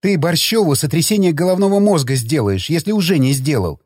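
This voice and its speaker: A man's voice: fairly high pitch, expressive, brisk, darkish tone, slightly rough, no echo, clean studio sound. A man voicing an angry scolding woman, a nurse, in an audiobook, hissing and lecturing.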